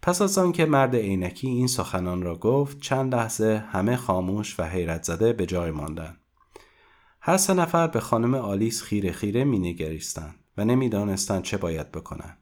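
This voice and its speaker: Expressive male audiobook narrator. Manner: expressive storytelling with wide pitch swings. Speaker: storyteller.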